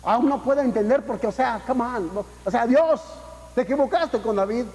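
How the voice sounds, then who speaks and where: A pastor preaches with fervor, his fairly high man's voice climbing to emphatic peaks as he fires off rhetorical questions. He slips casual English phrases into the sermon. The recording carries the long, ringing echo of a church hall. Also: moderate pace, darkish tone.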